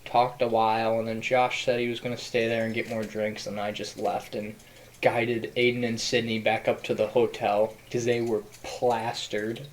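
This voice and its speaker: A man's voice: lowish voice, completely flat delivery, moderate pace, a little hiss or hum, low-quality recording. A young man hosting a podcast, telling a rambling story in casual chat with many fillers. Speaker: podcast host.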